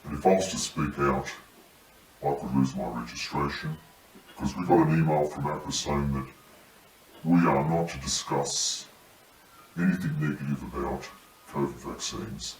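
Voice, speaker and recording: A man giving serious testimony as a paramedic whistleblower in measured, halting phrases, his voice electronically disguised to sound deep. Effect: disguised deep voice, electronically lowered. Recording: roomy echo, distant mic, faint noise.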